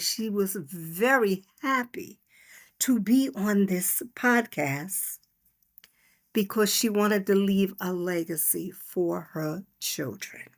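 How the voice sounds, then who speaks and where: Middle-aged woman talking from the heart on her podcast, mid pitch, easy unscripted storytelling. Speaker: podcast host. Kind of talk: personal reflective monologue.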